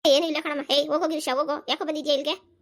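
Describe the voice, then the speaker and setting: A woman voicing a hurt, defiant schoolgirl in a cartoon, with a high, whiny, tearful voice. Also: level tone, very fast. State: crying. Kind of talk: cartoon voice acting.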